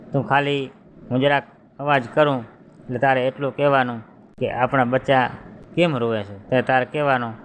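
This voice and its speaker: A man's voice: medium pitch, slight background noise. A man telling a children's folk tale in a homely, conversational way, voicing the animals as he goes. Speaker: storyteller.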